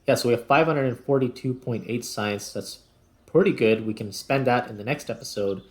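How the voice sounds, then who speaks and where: Speaking briskly in a mid-range voice, a gaming channel host talks through his play casually, thinking aloud along the way. The audio is clear of any background noise.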